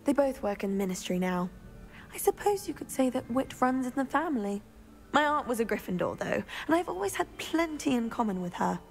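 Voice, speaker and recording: Confident, creaky-voiced young witch student. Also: a little high, big pitch swings, fairly quick, faint music behind. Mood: proud, bright. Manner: self-assured, formal, chatty. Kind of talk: video game dialogue.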